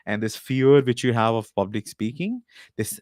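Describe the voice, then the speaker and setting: A podcast host livestreams from a home setup, talking loosely into a desk mic with lots of fillers and restarts. His voice is medium-pitched, animated and darkish, at a normal pace. The recording is clean studio sound with no room echo.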